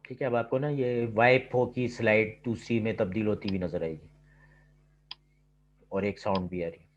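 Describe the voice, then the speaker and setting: A man's voice: lowish voice, fairly even intonation, moderate pace, slight background noise. A man teaching a computer lab over a video call, explaining step by step and checking in with "ठीक है" at every turn. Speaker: lab instructor. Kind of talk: online lab lecture. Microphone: computer mic on a video call. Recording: slightly dull online class audio.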